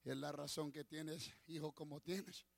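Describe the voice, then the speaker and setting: A male preacher delivering a sermon, swinging from quiet asides to shouted declarations and slipping into English phrases. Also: on the high side, steady tone, measured pace, vocal fry, no room sound. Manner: dramatic, slips into English phrases.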